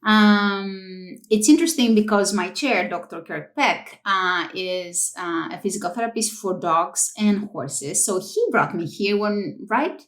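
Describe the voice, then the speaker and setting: A woman's voice: medium pitch, unhurried, echoey room. A woman from Greece with a Greek accent, a researcher telling her story as an interview guest. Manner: animated storytelling with fillers. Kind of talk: casual interview.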